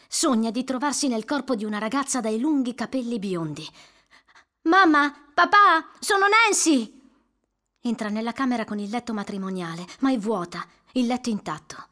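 A woman narrating a suspenseful audiobook in a measured, dramatic storytelling manner. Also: mid-range voice.

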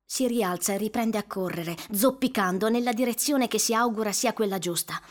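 Woman narrating a suspenseful audiobook. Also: medium pitch. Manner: suspenseful, measured storytelling.

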